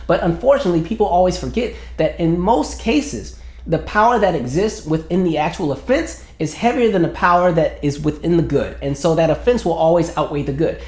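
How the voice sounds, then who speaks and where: A man's voice: high voice, darkish tone, reverberant. A man giving an earnest opinion monologue as a commentary vlogger, building his argument point by point and sometimes acting out quoted voices.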